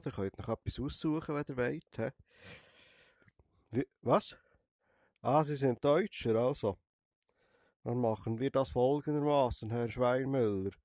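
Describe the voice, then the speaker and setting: A young Swiss German man with a cold streams a VR barber game, playfully chatting in character as the barber. He teases and tags sentences with a questioning "hä?" in a warm, mid-range voice, recorded clean in a studio with no echo.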